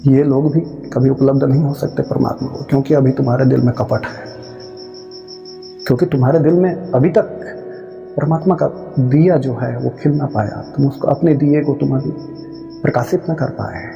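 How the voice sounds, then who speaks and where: A man giving an emphatic, rhetorical spiritual discourse, scolding his listeners in drawn-out phrases. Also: medium pitch, fairly even intonation, gravelly, mellow, highs cut off. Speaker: spiritual speaker. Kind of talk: devotional discourse on Kabir's verses. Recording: long reverb with faint music.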